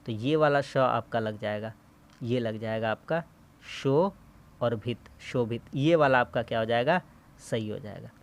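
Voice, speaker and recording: A man's voice: mid-range voice, a little slow. A man teaching a school Hindi lesson, who asks questions and answers them himself and has students repeat word lists after him. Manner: friendly and reassuring, says "ठीक है भैया". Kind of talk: explaining a class 7 Hindi lesson.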